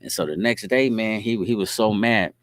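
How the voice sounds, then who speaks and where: A man's voice: lowish voice, moderate pace, dry recording, studio quality. A middle-aged man from Indianapolis hosting a podcast, telling stories in a laid-back, streetwise way and often checking in with his listeners. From Indianapolis, USA. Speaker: podcast host. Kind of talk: casual storytelling talk.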